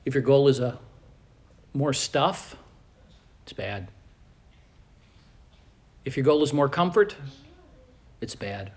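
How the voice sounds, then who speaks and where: A man's voice: mid-range voice, expressive, slow, long pauses, darkish tone. An older man preaching a sermon, telling stories earnestly and building to fervent emphasis.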